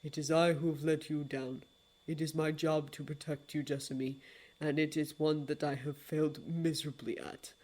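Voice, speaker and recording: A woman reading the part of a solemn immortal male lord of dreams, in a grave, formal, hushed manner. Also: low-pitched, level tone, normal speed, pitched below the performer's own voice. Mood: anguished.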